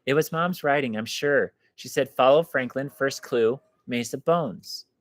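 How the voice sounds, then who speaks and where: A man reading aloud, voicing an anxious, determined teenage girl who is an older sister, speaking in a hushed, urgent way in a storybook reading. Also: mid-range voice, measured pace, no echo, lightly acted. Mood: worried.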